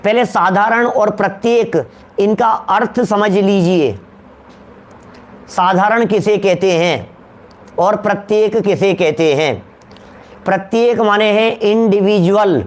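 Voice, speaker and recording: A man a notably high voice teaches a religious lecture. He repeats key terms, slows down to drive them home and keeps putting questions to his listeners. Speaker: Jain scholar giving a discourse.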